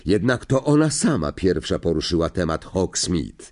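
A man narrating a storybook as an audiobook reader. His voice is mellow and dark in tone, and his pitch moves lively through the sentences. The reading is expressive and steady. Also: moderate pace. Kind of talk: scripted narration.

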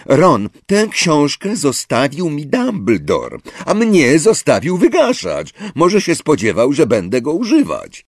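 A man voicing a clever, impatient teenage girl in an audiobook reading, with a sharp, exasperated delivery. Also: fairly high pitch, wildly swooping pitch, takes it slowly, hardly any pauses, slightly rough, no room sound, studio quality, pitched above the performer's own voice, full character voice.

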